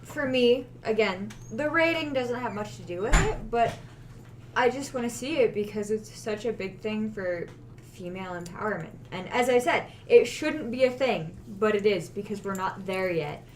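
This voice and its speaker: A woman's voice: medium pitch, animated, moderate pace, distant mic. A woman talking earnestly in a casual group movie discussion. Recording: off-mic with faint room noise.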